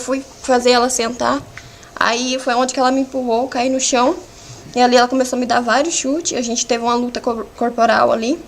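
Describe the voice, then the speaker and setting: A woman with a Brazilian accent giving courtroom testimony as a defendant, in a halting, fragmented way full of restarts. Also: a little high, gravelly, a little hiss or hum. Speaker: defendant under questioning. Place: courtroom hearing.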